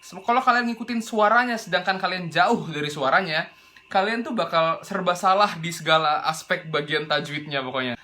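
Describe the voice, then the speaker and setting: A man's voice: sits high, normal speed, pushed and bright. A young man, teaching Quran recitation in a casual, slangy explainer style. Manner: chatty, slangy, demonstrates recitation and silly voices.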